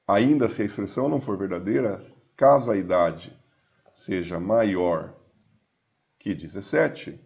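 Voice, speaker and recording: A man walks through a programming lesson on screen. He reads each line of code aloud at a slow pace while he types it. His voice sits low, and the recording sounds dull and lo-fi. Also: gravelly, a little mellow. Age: 50s. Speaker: programming instructor.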